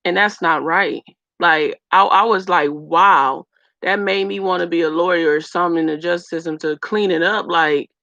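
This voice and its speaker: A woman with a gravelly, creaky edge, telling a personal story earnestly to her viewers. She talks straight to the camera, rushing ahead in bursts. The sound is dry and slightly dull, like a lo-fi home recording. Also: fairly low pitch, a bit bright, no echo.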